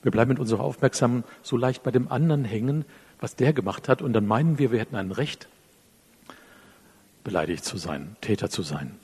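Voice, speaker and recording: Husky German preacher man, soft endings. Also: mid-range voice, expressive, a little fast. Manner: speaks directly to listeners, acts out quoted dialogue; drops to soft, quiet phrases at line ends. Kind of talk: sermon with a closing prayer.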